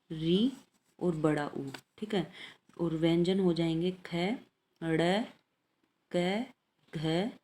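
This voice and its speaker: Slow, low-voiced woman teaching a lesson. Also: dark tone. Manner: patient, repeats "ठीक है" after each point. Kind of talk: slow explanatory lesson, reading out letters and exercises.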